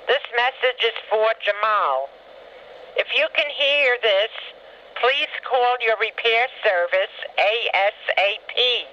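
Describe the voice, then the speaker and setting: An older woman leaving fussy, worried voicemail messages for her daughter, played back from an answering machine. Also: fairly high pitch. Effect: answering machine voicemail playback. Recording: dull lo-fi answering machine tape, faint hiss.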